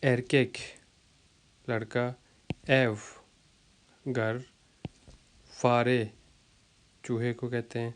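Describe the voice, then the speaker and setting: A man teaching a vocabulary lesson who speaks. He repeats each word slowly and uses many fillers as he explains. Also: medium pitch, flat delivery, slight background noise. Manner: slow, repeats words to drill pronunciation, many fillers. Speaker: language teacher.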